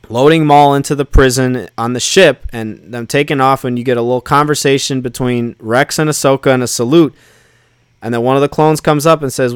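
A man hosting a podcast, casually recapping an episode in an excited, rambling way with many fillers. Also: medium pitch, smooth, dry recording, clean studio sound. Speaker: podcast host.

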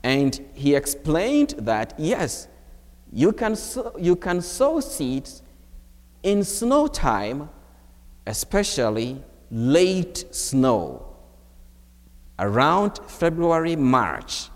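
A man preaches a homily slowly and deliberately, his pitch rising and falling a great deal. His fairly high voice rings out with the long reverb of a church. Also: sing-song. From Ghana. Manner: slow, measured preaching with wide swings of pitch. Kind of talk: homily at Mass.

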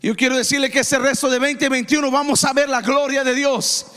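A man preaching a fiery Pentecostal sermon, shouting, chanting and leading call-and-response with his congregation in a church. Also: very high-pitched, flat delivery, brisk, big-room sound. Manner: repeats phrases in rhythmic runs. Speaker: pastor. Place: church sanctuary.

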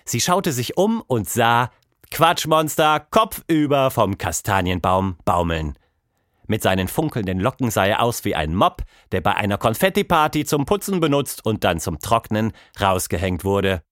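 A man narrates a children's audiobook in an expressive, storytelling style. His pitch is fairly low and his speed normal, and the recording is studio quality with no room sound.

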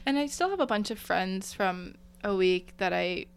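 A young woman co-hosting a podcast, telling stories in a teasing, animated way. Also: medium pitch, moderate pace, creaky, smooth. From Canada. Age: young adult. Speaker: podcast co-host. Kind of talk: casual chat.

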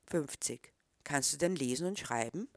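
A woman's voice: low-pitched, lively intonation, normal speed, no echo, clean studio sound. A woman reading a stern, probing middle-aged man. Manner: probing, disapproving questions.

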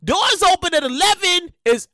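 Thirtysomething woman ranting on her vlog, high bright voice, cussing and going off, dry close sound. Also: moderate pace, no room sound. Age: 30s. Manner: animated, profane, exclamatory, repeats words. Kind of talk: casual rant monologue.

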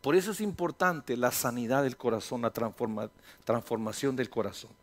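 A man's voice: medium pitch, moderate pace. A middle-aged man, a pastor, preaching a sermon in a chatty, conversational way, acting out inner voices and joking with his congregation.

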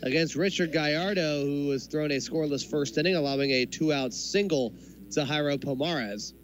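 Higher-voiced man calling baseball play-by-play. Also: moderate pace, faint music behind. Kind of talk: live sports commentary. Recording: clear background noise from a ballpark. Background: ballpark ambience.

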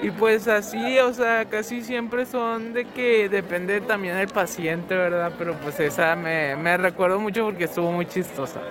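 A teenage boy with a notably high voice answers interview questions outdoors at his school. He rambles casually, full of fillers, and gets animated when he tells a story. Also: unhurried, hardly any pauses. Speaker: student interviewee. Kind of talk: casual chat.

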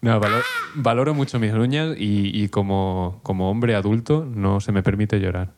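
A young man from Spain co-hosts a casual podcast chat. His voice sits fairly low. He teases, jokes and laughs often. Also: normal speed, a little mellow. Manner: teasing, joking, laughs often. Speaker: podcast co-host.

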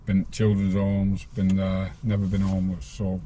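A man's voice: deep voice, monotone, normal speed, warm tone, a little hiss or hum. A man, telling his life story bluntly as an interview guest. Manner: rambling, blunt, laughs while telling.

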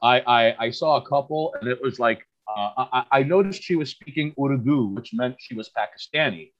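A man's voice: mid-range voice, normal speed. A man in his thirties from Queens, a podcast guest in casual chat, rambling and swearing with many stammered restarts. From Queens, New York. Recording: slightly dull lo-fi audio.

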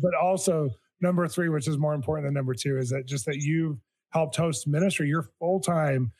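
A man hosting a faith podcast, talking with excitement and gushing praise about his guest. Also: fairly high pitch. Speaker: podcast host. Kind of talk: enthusiastic interview and intro.

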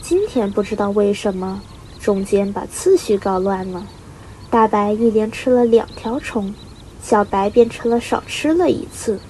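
A teenage girl reading a children's story aloud, steady and expressive, as a student reader. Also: mid-range voice, unhurried, slight background noise, rough recording. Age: teens. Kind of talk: storybook narration.

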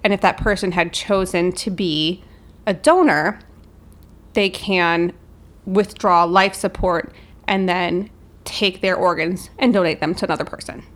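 A woman's voice: on the low side, steady tone, measured pace, a bit bright. A woman co-hosting a podcast, explaining things in an informal, conversational way. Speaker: podcast co-host. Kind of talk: casual explanatory chat.

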